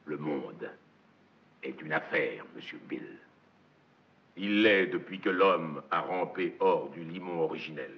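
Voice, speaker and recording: An actor playing a domineering, messianic corporate magnate in a film monologue, with hammy, theatrical stage declamation and a gravelly voice. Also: male voice, deep voice, steady tone, moderate pace, hardly any pauses. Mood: hushed, evangelical. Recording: dull, echoey film soundtrack.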